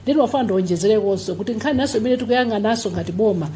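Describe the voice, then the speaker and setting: A woman's voice: mid-range voice, racing, warm tone, slight background noise. A woman with a Malawian accent explaining things emphatically in a public briefing. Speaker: official addressing the public at a briefing.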